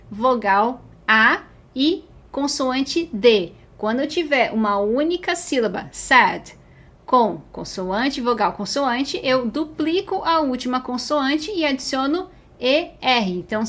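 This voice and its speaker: A Brazilian woman with a high voice teaches a beginner English lesson, and Portuguese is her first language. She explains each grammar rule patiently. She slows right down to draw out each English example word. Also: lively intonation, fairly bright tone.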